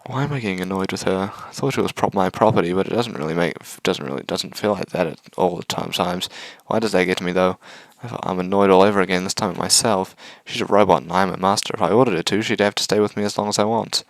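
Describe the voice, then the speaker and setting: A man reads a visual novel aloud in a fairly low voice, casually stumbling over words and fixing them as he goes. The recording is dry and close, with hardly any room sound. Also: quick pace, few pauses, dry recording.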